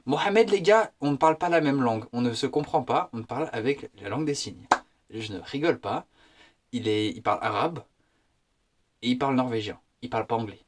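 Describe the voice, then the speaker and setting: An eighteen-year-old man talking straight to his viewers in a vlog. He is slangy and excitable, and his voice sits at an ordinary middle pitch. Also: a little fast. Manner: slangy, excitable, laughs often. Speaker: vlogger. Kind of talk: casual vlog chat.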